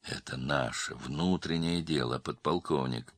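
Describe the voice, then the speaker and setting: A man voicing a hot-tempered, scornful male crime clan brother who shouts, in a story reading. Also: a bass voice, a little slow, dry recording. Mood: defiant.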